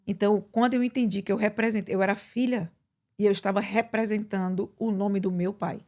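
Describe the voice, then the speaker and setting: A woman pastor with a Brazilian Portuguese accent, preaching in conversation with emphatic, animated delivery. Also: medium pitch, brisk. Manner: animated, bursts into emphatic quoted prayers.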